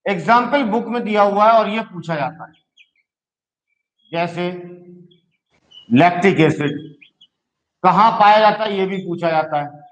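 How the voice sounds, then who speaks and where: A man with a high, somewhat bright voice teaches chemistry at a measured pace, pausing often as he explains each step patiently. He checks in with students using "ठीक है" during this classroom lecture, captured on poor audio.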